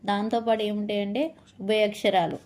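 A woman teaching a lesson for exam preparation, slowly repeating and drawing out each letter of the alphabet. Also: medium pitch, flat delivery, darkish tone.

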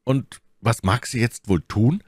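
A man's voice: medium pitch, unhurried, a little mellow, breathy edge, no room sound, clean studio sound, voice pushed up. A man reading aloud voices an eager young man who speaks in a raised, keen voice.

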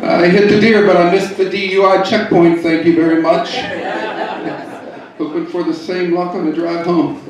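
A man from the Pittsburgh area doing a stand-up comedy set in a hotel comedy club, delivering deadpan punchlines with quick asides. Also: sits high, over a noisy crowd. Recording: echoey club heard from far off.

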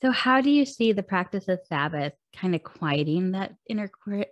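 A woman's voice: medium pitch, animated, normal speed, dry recording, lo-fi sound. A woman hosting an interview podcast, asking questions and sharing her own experience in an affirming, conversational way. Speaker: podcast host.

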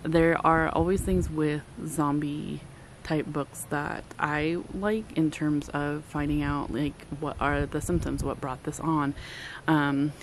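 A woman's voice: sits low, fairly even intonation, takes it slowly, few pauses, poor audio. A woman in her thirties, a book vlogger chatting casually and rambling with frequent ums, filmed outdoors at a lakeside campsite on a phone held at arm's length. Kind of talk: casual chat. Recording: outdoor phone audio with background noise.

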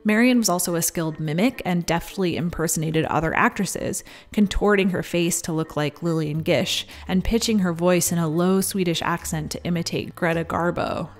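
Wry low-voiced woman narrating. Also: normal speed, few pauses, faint music behind. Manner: conversational with wry asides. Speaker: video essay host. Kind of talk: scripted narration.

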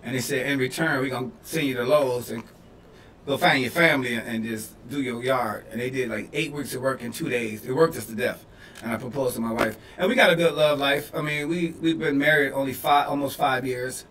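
A man's voice: mid-range voice, a little fast, fairly bright tone, a little hiss or hum. A man co-hosting a comedy podcast, telling loose joking stories with lots of restarts and laughs. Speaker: podcast co-host. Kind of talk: casual comedy podcast banter. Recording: roomy echo, mic a bit far off.

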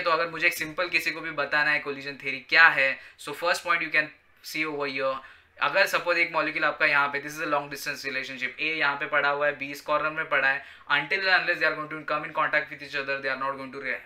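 Male chemistry tutor in his thirties, fairly high voice with a piercing edge, mixes Hindi and English. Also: pushed and bright. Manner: switches between Hindi and English, keeps checking in with the class; explains with simple everyday comparisons. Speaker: chemistry teacher. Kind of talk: online lecture.

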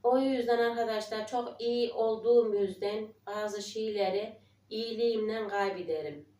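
This woman in her forties, a village life vlogger, has a warm, medium-pitched voice captured from a distance with reverberant sound. Talking casually to her viewers, she becomes emotional and tearful, her prayerful voice trembling as she quotes others.

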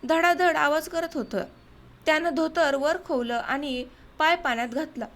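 Woman audiobook narrator, high pitch, steady measured storytelling.

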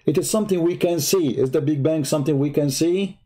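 Hosting a heated live stream, an online debater whose native language is Arabic hammers his rivals with scornful rhetorical questions. His voice is dark, a little husky and combative, though pitched slightly high. He talks fairly quickly.

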